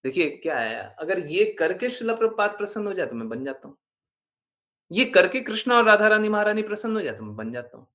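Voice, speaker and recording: Man, devotional class talk, earnest, insistent, repeats himself for emphasis, slightly higher voice. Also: big pitch swings, fairly quick, sharp tone. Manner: mixes English words into speech. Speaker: spiritual teacher.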